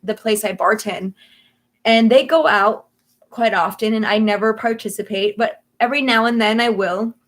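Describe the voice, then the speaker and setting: A woman in her thirties hosts a casual livestream chat, rambling and chatty, often laughing between thoughts. Her voice is on the high side and fairly bright, with fairly even intonation and a moderate pace.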